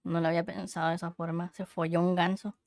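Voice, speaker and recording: A woman's voice: on the low side, little pitch movement, fast talker, vocal fry, a little mellow. A woman streamer with a cute anime-streamer manner, chatting casually as she reacts to a video.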